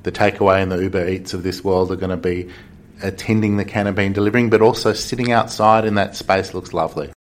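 Very deep-voiced man. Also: fast talker. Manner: relaxed, asks questions and adds brief comments. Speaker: podcast co-host. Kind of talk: casual chat.

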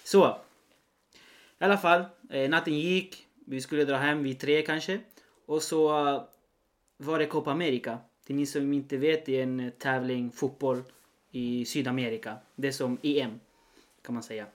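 A young man from Chile co-hosting a casual podcast chat, telling stories with lots of laughter and acted-out quotes. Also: medium pitch. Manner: laughs often, animated storytelling with acted-out quotes. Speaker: podcast co-host.

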